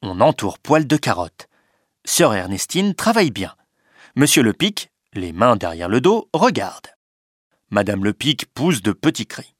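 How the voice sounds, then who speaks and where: A man narrating a storybook reading in a lively, expressive way. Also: on the low side, unhurried, no room sound, clean studio sound.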